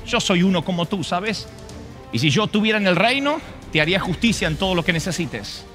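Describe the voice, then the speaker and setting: A man's voice: high voice, animated, a little fast, fairly bright tone, faint music behind. A man voicing a scheming young prince who speaks in a falsely humble, coaxing way. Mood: sly, ingratiating.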